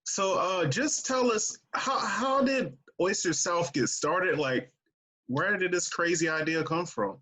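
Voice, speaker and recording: A man's voice: high-pitched, pushed and bright. Laid-back man hosting a podcast. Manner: laid-back, joking, halting questions. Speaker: podcast host. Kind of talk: casual interview chat. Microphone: video call.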